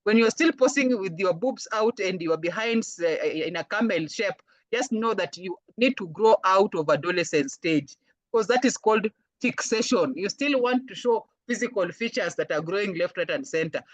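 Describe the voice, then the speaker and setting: A woman with a Kenyan accent giving a lively counseling talk, acting out little voices when she quotes people. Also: medium pitch, normal speed, no room sound. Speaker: guest speaker, counselor. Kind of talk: lecture-style talk.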